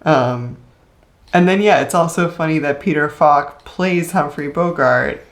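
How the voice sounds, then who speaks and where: A woman's voice: low voice, measured pace. A woman co-hosting a podcast, in a chatty, casual film discussion with frequent laughs. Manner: chatty, laughs often, uses fillers. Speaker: podcast co-host.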